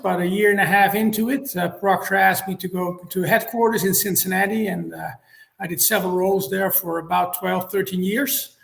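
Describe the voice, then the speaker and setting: A middle-aged Dutch man, a native speaker with a Dutch accent, appears as an interview guest, a marketing executive explaining things in a measured, structured way. His voice is high-pitched and a bit bright, with vocal fry. The room he's recorded in is echoey.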